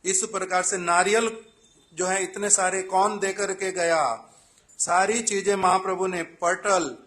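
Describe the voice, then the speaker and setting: A man giving a devotional sermon at a temple festival. He recites verses and explains each one in plain talk, telling the story in a measured way. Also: sits high, steady tone, fairly bright tone.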